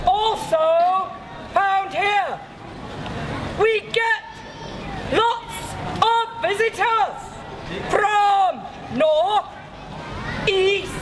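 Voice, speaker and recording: Town crier man yelling super high, stretches every phrase out, noisy crowd outside. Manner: loud, drawn-out declaiming in short bursts. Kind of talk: town crier's shouted rhyming proclamation. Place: outdoors in a town. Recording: noisy outdoor recording with crowd.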